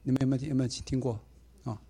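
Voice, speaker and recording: A man preaching a sermon in a conversational way, swinging between emphatic points and soft, quiet asides. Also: medium pitch, little pitch movement, racing, slightly rough.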